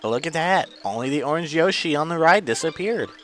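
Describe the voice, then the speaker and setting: A man's voice: fairly high pitch, expressive, fairly quick, fairly bright tone, soft background music, voice pushed up. A man putting on a chirpy sing-song game character.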